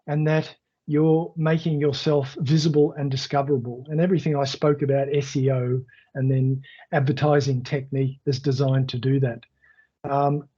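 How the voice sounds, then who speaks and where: Mellow croaky man on a video call. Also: fairly high pitch. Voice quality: croaky, keeps clearing throat. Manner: conversational, loose, many fillers. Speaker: webinar presenter on online selling. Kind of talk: live webinar question and answer. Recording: dull lo-fi video call audio.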